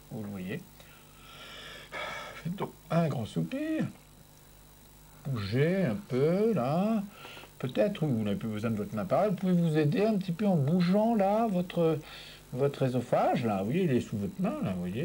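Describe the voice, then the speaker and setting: A speech therapist leads a patient through voice exercises in a medium-pitched, dark voice, with a little hiss or hum audible. He has a French accent, is patient and encouraging, often checks that he's understood, and repeats "vous voyez" often.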